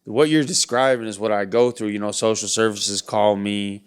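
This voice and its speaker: A man's voice: fairly low pitch, fairly even intonation, normal speed, clean tone. A man hosting a podcast who talks frankly and casually, swearing now and then. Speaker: podcast host.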